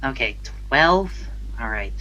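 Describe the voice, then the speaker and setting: A man acting as game master, narrating casually in a halting, giggly way. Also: mid-range voice, animated, muffled recording, crowd noise.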